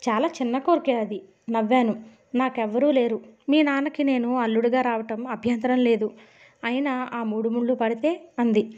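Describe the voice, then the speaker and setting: A woman narrating a novel aloud with a Telugu accent, in a steady storytelling manner, lightly voicing the dialogue. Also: fairly high pitch, normal speed, muffled recording.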